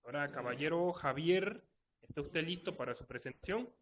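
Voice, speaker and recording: A man's voice: on the high side, expressive, moderate pace, slight background noise. A man moderating a live online debate, formally laying out the rules step by step. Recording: dull lo-fi online audio.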